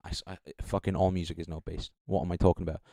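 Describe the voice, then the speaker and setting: A young man with a fairly low voice talks through his judging on a live stream. He rambles, corrects himself mid-sentence and swears without a second thought. The sound is close and dry. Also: little pitch movement, rapid-fire, gravelly, mellow, dry recording. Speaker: streamer judging beatbox entries. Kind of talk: casual live-stream commentary.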